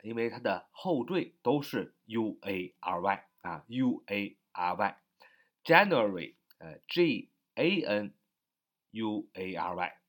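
A man's voice: fairly low pitch, expressive. A man teaching English vocabulary in a recorded online lesson, spelling each word letter by letter and padding his phrases with short fillers. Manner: spells words letter by letter, stretches and repeats them slowly; frequent filler "啊" and "呃" between phrases.

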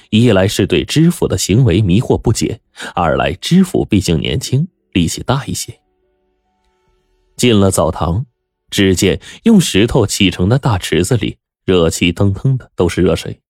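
Deep-voiced dramatic male storyteller. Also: dry recording, clean studio sound. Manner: expressive, swinging pitch for drama.

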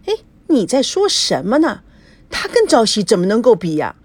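A sharp-tongued middle-aged mother who scolds and suspects everyone, played by a woman reading the story. Her voice is breathy and jumps in pitch. It is recorded dry and close. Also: wildly swooping pitch, normal speed, no echo, full character voice. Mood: scornful.

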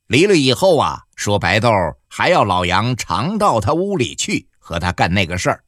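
A man narrating an audiobook in a colloquial, animated storytelling manner. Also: medium pitch, moderate pace, dry recording, clean studio sound.

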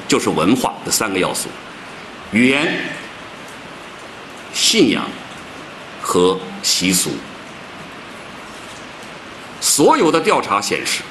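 A man's voice: a bit bright, a little hiss or hum, low-quality recording. A man giving a public lecture, stressing his words with big rises and drops. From China. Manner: emphatic, swings pitch widely for stress.

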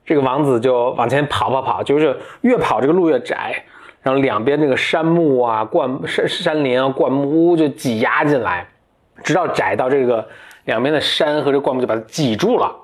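A man, hosting a podcast and telling a fairy tale off the cuff. His voice sits at an ordinary middle pitch. He talks in a chatty way and often stops to restart a line. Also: normal speed. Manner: chatty, with many fillers and restarts. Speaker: podcast host. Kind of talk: casual storytelling.

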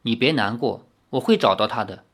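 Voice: medium pitch, big pitch swings, normal speed, pitched above the performer's own voice. A narrator voicing a young man, a devoted hero calling out for his lost wife in anguish, in a read-aloud novel. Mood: gently calm.

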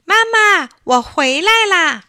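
A woman's voice: measured pace, exaggerated voice. A woman voicing an eager little boy. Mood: cheerful. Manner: high, excited childlike calls. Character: young boy Edison, eager and quick-witted. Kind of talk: children's story narration.

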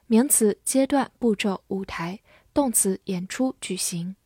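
A woman English teacher reading a vocabulary drill, saying each word twice in a measured way before giving its meanings. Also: mid-range voice, dark tone, slightly rough, no room sound, studio quality.

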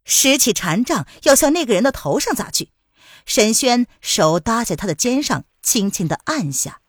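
A woman narrating a martial-arts novel in an expressive storytelling manner. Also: on the high side, normal speed, breathy edge, no echo, studio quality.

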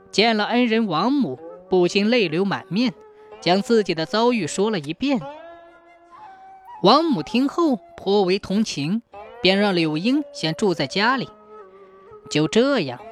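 Expressive woman storyteller over faint music. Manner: expressive, sweeping pitch. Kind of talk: dramatic story narration.

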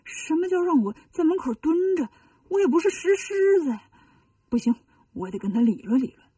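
A woman's voice: medium pitch, fast talker, warm tone, husky, dry recording, recorded from a distance, voice pushed down, close to an everyday voice. A woman voicing a meek, easily hurt traveling monk master who talks in a plaintive, aggrieved way, in a storybook retelling. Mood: indignant.

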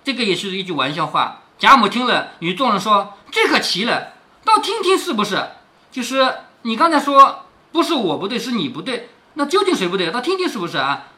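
Lively father explaining a classic novel. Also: high-pitched, fairly quick. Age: middle-aged. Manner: lively, keeps asking rhetorical questions. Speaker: father reading a classic novel to his daughter. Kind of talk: explanatory storytelling with quoted dialogue.

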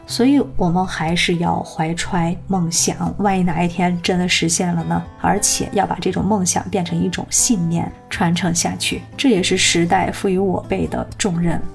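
A woman's voice: fairly low pitch, fairly even intonation, moderate pace, vocal fry, few pauses. A woman hosting a podcast, telling a history story in a chatty way and asking listeners rhetorical questions, over faint music. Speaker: podcast host.

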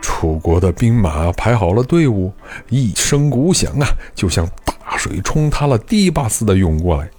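A man tells a historical tale in a scripted, expressive reading. His voice is low and warm, and the pitch moves a lot as he carries the story. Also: moderate pace, hardly any pauses, husky, faint music behind.

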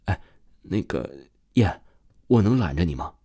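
A man reading the lines of an excited teenage boy who stammers when flustered in a storybook tale. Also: low voice, measured pace, slightly rough, heavily acted. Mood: eager.

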